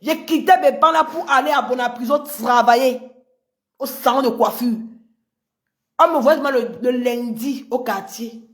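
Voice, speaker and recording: A woman from Cameroon, delivering a heated, confrontational livestream rant that swings between loud outbursts and low mutters. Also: unhurried. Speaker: social media personality.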